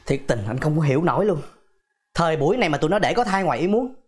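An actor playing a worried grown son and husband, speaking in an anxious, pleading way. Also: male voice, fairly high pitch, sing-song, quick pace. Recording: loud background music score.

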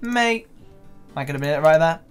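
A young man doing live gameplay commentary, swearing and breaking into excited shouts. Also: on the high side, normal speed, clear, resonant tone, faint music behind. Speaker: gaming video creator.

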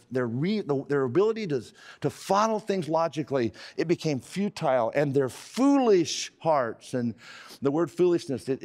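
A man's voice: mid-range voice, darkish tone. A man in his fifties preaching a sermon from a church stage, earnest and emphatic, gesturing as he speaks. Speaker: pastor. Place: church stage with painted backdrop.

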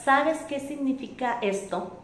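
A woman giving a self-help talk, deliberate, repeating lists and acting out quoted remarks. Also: high voice, echoey room, slight background noise. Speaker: motivational speaker.

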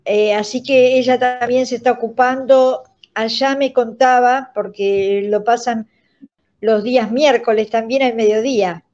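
An effusive, sentimental Argentine woman in her sixties, a radio drama director, chats about her work as a guest in a casual interview from her home. Her voice is on the high side and darkish, unhurried with fairly even intonation, captured on a phone or laptop over a dull lo-fi video call.

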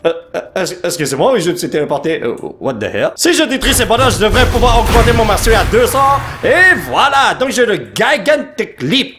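A man giving live gameplay commentary, excitable, with frequent exclamations, shouts and English slang. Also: high voice, brisk, hardly any pauses, soft background music. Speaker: gaming YouTuber.

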